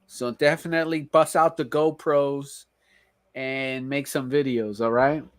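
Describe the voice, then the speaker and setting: A tired man with a New York accent hosting a casual live stream, laid-back and slangy, reading chat and giving shout-outs. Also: medium pitch, fairly even intonation, a little slow, dry recording.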